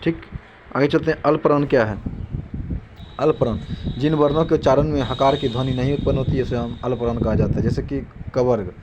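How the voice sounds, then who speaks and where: A man teaches a grammar lesson in a mid-pitched voice. He sounds out letters slowly and repeats key points as questions. The recording is dull and lo-fi, with a steady hiss underneath.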